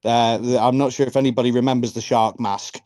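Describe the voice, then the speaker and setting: A man co-hosting a podcast, casually recounting a gaming anecdote in a lively storytelling way. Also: medium pitch, brisk, no echo, clean studio sound. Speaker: podcast co-host.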